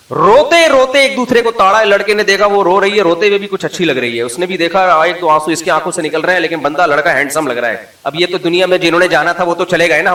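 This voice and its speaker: A man gives a humorous religious lecture. His voice is fairly high and sharp, and he tells stories with lively mimicry. The sound is roomy and he stands a bit back from the mic. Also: recorded from a distance. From Pakistan. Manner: animated storytelling, mimics the people he quotes. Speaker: Islamic scholar.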